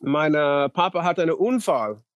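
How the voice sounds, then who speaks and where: An American man in his thirties, a native English speaker, talks his way through German in a dry, close recording. His voice sits a little high for a man. He stumbles and hunts for words, restarting his sentences. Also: expressive, no echo. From North Dakota, USA. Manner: halting non-native German, searching for words. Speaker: guest, pitching coach. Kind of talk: casual interview chat.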